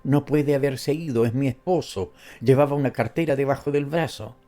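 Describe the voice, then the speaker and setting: A man's voice: mid-range voice, normal speed, mellow, faint music behind, lightly acted. A man voicing a distraught young bride who pleads through tears. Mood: pleading. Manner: pleading, tearful.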